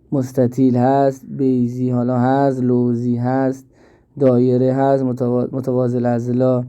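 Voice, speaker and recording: A man teaching an app step by step, slowly and with repeats, in a screen-recorded tutorial. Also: medium pitch, dark tone, clean tone, dull audio. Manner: slow step-by-step explaining, repeats himself. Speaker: instructor.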